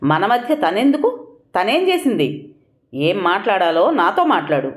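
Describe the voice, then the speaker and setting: A woman's voice: medium pitch, sing-song, measured pace. A woman voicing an angry, defensive husband in heated, pleading outbursts.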